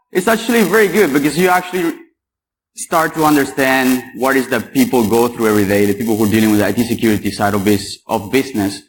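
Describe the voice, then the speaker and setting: A man's voice: medium pitch, low-quality recording. Young man from Paraguay, conference speaker, playful and chatty, faint room noise. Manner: joking, chatty, quizzes the audience. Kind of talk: security conference talk. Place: conference hall.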